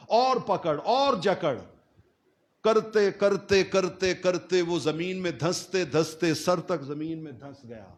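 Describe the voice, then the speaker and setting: A man giving a dramatic sermon, asking questions and answering them himself, jumping between loud, rising lines and quiet drops. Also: high-pitched. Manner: dramatic preaching with sudden swings between loud and soft. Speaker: preacher.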